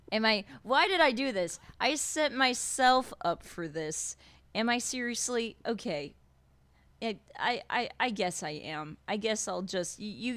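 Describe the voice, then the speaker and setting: A woman's voice: mid-range voice, a bit bright, no echo. A woman running a live-streamed tabletop game as game master, chatty and self-deprecating with many fillers.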